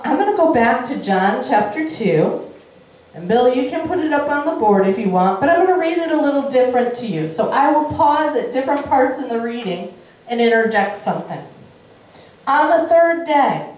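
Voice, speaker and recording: A middle-aged woman preacher delivers a sermon on an indoor church stage, reading the Bible and breaking in with explanation in deliberate, emphatic short phrases. Her high-pitched, darkish voice goes into a handheld microphone at a lectern. The very echoey room makes her sound slightly distant.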